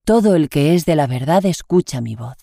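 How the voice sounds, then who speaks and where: A reader with a Spain Spanish accent voicing a calm condemned man who speaks solemnly. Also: medium pitch, normal speed, creaky, dry recording, studio quality.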